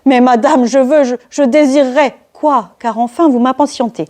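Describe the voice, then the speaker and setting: A woman's voice: sits high, normal speed, a little mellow, natural voice. A woman voicing a witty, mocking young marquise in a one-woman reading of a classic stage comedy, speaking in a cool, teasing and imperious way. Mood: indignant. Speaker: reader of a play.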